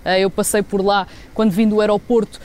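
A woman with a European Portuguese accent giving a semi-spontaneous live report as a sports correspondent, often pausing mid-phrase. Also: mid-range voice, little pitch movement, a little mellow. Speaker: sports journalist, special correspondent.

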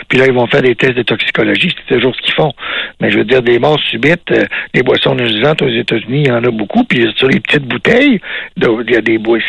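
A man with a Québécois French accent, a cardiologist being interviewed on the radio, explaining in a measured way with unhurried pauses. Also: medium pitch, gravelly, a bit bright, breathy edge, no echo, rough recording. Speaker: cardiologist guest.

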